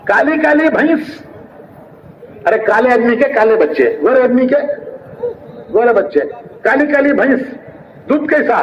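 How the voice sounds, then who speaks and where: A man delivering a sermon in a high, light voice, asking the crowd questions and repeating his key phrases. The sound is echoey and a little dull, with faint noise behind it, as if recorded at a large gathering. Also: animated, unhurried, pauses often. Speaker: preacher.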